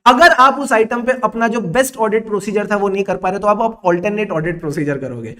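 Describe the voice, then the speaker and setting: High-voiced playful Indian male teacher. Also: brisk, fairly bright tone. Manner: playful, teasing, dramatizes concepts as characters. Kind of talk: exam revision lecture.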